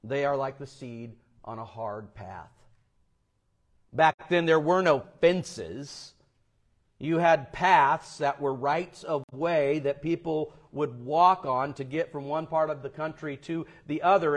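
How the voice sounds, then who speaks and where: A pastor from Florida preaching a sermon to a church, his voice climbing loud and high, then falling low and quiet for emphasis.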